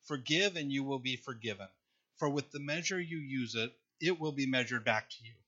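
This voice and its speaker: A man's voice: mid-range voice, fairly quick, pushed and bright, lo-fi sound. A man preaching a conversational sermon, reading scripture aloud and joking with his congregation. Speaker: pastor.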